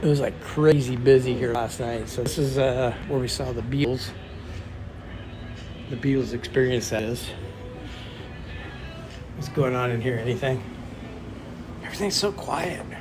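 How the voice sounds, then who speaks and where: A man's voice: medium pitch, measured pace, pauses often, over music. A man casually vlogging as he walks through a cruise ship, chatting to viewers as he goes. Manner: chatty, talks to viewers while walking. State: out of breath from climbing stairs. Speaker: travel vlogger. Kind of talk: casual walking vlog. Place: cruise ship interior, stairwells and lounges.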